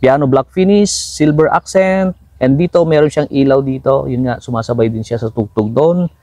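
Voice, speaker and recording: A man's voice: medium pitch, moderate pace, no echo, rough recording. A man, casually touring his car's interior and pointing out each feature. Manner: relaxed, repetitive pointing-out with frequent fillers. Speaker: car owner reviewing his vehicle. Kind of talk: casual walkaround tour narration. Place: inside a car.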